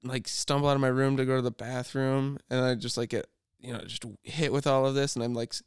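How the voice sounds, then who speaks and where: Man, twenties, podcast co-host, rambling casual storytelling, clear voice, dry close sound. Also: mid-range voice, little pitch movement, a little fast, no echo. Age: 20s. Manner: rambling, self-interrupting, laughs at himself.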